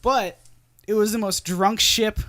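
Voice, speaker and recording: A man hosting a casual gaming podcast, talking in an animated way and laughing often. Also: high voice, measured pace. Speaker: podcast host. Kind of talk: casual chat.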